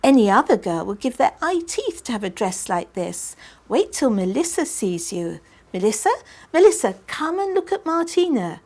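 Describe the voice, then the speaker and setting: A woman's voice: mid-range voice, sing-song, normal speed, darkish tone. Fussy storybook mum, bossy and doting, read by a woman in a slightly raised voice. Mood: scolding. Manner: bossy, scolding, gushing. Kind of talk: audiobook reading.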